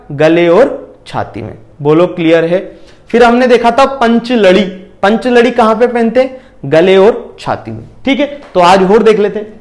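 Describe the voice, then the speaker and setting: A male teacher giving an exam-prep lecture, asking questions and answering them himself, and often checking whether it is clear. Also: sits high. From India.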